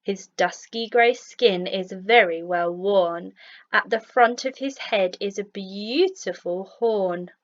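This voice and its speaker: A woman teacher reads a rhyming children's storybook aloud, expressive yet measured. Her voice is mid-range, and the recording is lo-fi.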